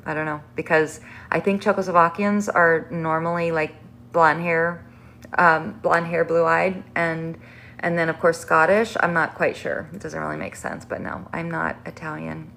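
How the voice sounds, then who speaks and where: A woman's voice: low voice, vocal fry, bright, forceful tone, slight background noise. A middle-aged woman hosting a livestream, chatting casually with viewers in a rambling way, full of fillers and restarts. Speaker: livestream host.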